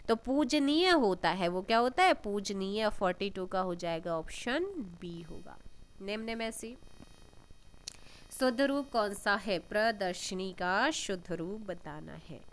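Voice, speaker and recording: A woman teaching an exam-prep lesson, reading out questions and giving answers, often clearing her throat. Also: medium pitch, expressive. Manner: unhurried, reads questions then gives answers, frequent throat clearing.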